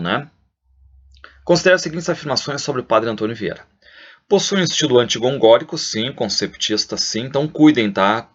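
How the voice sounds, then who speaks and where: Low-voiced male teacher, lo-fi recording. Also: a bit bright. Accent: Brazilian Portuguese. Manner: explanatory, asks questions and answers them himself. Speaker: literature teacher. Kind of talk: video lesson going over exam answers. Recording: dull lo-fi sound.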